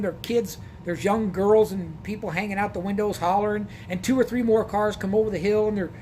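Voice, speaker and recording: A man's voice: high-pitched, a little hiss or hum. A man telling a casual first-person anecdote, rambling and often repeating himself. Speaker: storyteller.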